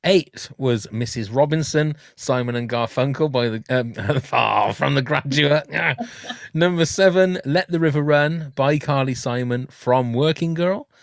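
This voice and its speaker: A man's voice: mid-range voice, measured pace, creaky, no room sound, studio quality. A man hosting a podcast in casual chat, chatty and laughing often. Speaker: podcast host.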